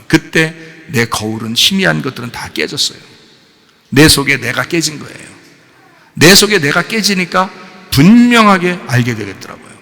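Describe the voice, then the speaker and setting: A male pastor preaches with a gravelly, bright edge, and his voice swings widely from soft to fervent. He gives a heartfelt testimony and keeps asking the congregation questions. The sound rings with a long reverb, as if from a church hall. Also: medium pitch. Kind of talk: sermon. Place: church sanctuary.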